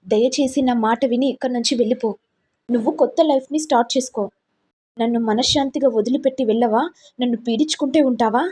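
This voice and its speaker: A woman voicing a harsh young husband in a told family drama, scolding in rapid accusations. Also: a little high, dark tone, close to an everyday voice.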